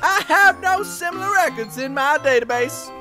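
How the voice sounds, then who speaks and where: A man voicing an excitable elderly professor scientist in a high, wavering falsetto, with theatrical exclamations, over game music. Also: moderate pace. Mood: excited. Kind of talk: let's play voice acting.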